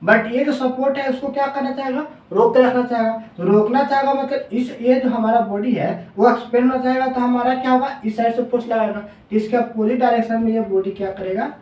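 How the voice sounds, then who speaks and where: A man teaching engineering in a classroom lecture. He asks questions and answers them himself, drops lower on the answers, and slows down when dictating formulas. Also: steady tone, darkish tone, far from the mic. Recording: echoey room, voice off-mic.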